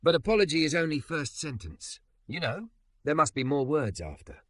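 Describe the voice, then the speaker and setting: A man voicing a calm, patient immigrant man who speaks softly and teases gently. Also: fairly high pitch, voice pushed up. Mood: gentle. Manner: soft, gentle, measured.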